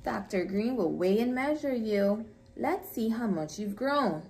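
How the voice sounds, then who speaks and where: Preschool teacher, female, slow and very melodic storytime read-aloud. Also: a little high, lively intonation, poor audio. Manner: gentle, slow, sing-song storytime delivery. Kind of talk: reading a picture book to young children.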